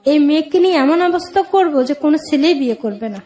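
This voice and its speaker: A guest in an interview, this woman recounts her life story in a high-pitched, mellow, expressive voice at a fairly quick pace. Her manner is plain-spoken, and she replays old conversations as acted-out dialogue.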